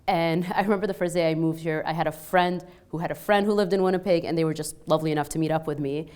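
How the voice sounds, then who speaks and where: Her voice is low, smooth and fast: an Egyptian woman in her thirties, a restaurant owner and peace scholar, telling casual personal stories on a panel. A slight Egyptian Arabic accent colors speech that is mostly Canadian-sounding. She's animated, uses lots of "like" and "you know", and acts out the exchanges she describes.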